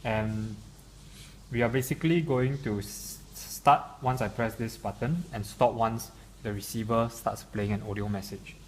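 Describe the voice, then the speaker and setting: In a noticeably noisy room, a man with a low-leaning voice and steady tone walks through a software product without a script. He talks a little slowly, stopping and starting as he hesitates.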